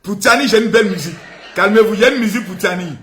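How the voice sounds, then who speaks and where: A man hosting a live stream, mocking and scolding loudly and often shouting. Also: sits high, racing. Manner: loud taunting mock-scolding, often shouting. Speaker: livestream host. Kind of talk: mocking satirical live commentary. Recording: echoey room with faint noise.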